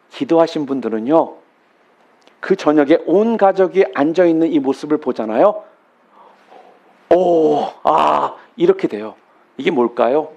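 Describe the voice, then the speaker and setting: Brief: man with a high voice, pastor giving a sermon from the pulpit, asks the church rhetorical questions, acts out little prayers. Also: darkish tone. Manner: asks the congregation questions and answers them; acts out short prayers and complaints in quoted voices.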